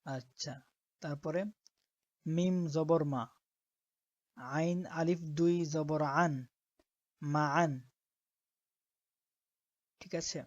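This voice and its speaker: Woman teacher, slow and patient, dry close sound, slightly dull audio. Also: sits low, steady tone, darkish tone, dry recording. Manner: slow, patient, checks in with "ঠিক আছে?". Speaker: Quran reading teacher. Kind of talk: spelling out letters in a reading lesson.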